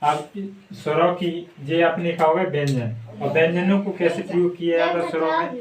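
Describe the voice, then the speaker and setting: A male teacher leading a classroom alphabet lesson, slowly repeating questions for his students to answer. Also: fairly high pitch, expressive, a crowd in the background. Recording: echoey room, distant mic, loud noise.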